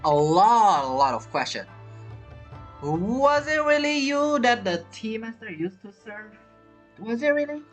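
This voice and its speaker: A streamer playing a game gives casual, dramatic commentary, reacting to the story and often repeating phrases, while game music plays behind. The voice is medium-pitched and very animated, at a measured pace.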